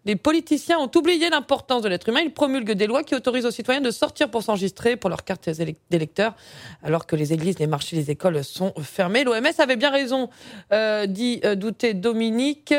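A woman hosting a call-in radio show, speaking in a measured way with frequent fillers. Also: fairly high pitch, no echo. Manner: measured, with frequent "euh" and "hein". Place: radio studio. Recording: dry studio sound.

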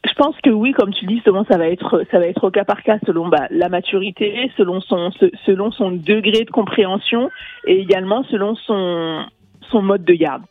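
A Malian-born woman raised in France speaks as a guest coach on a radio interview, explaining things earnestly with lots of fillers and restarts. Her voice is mid-range and her speed normal. The line sounds phone-like and dry, with faint music.

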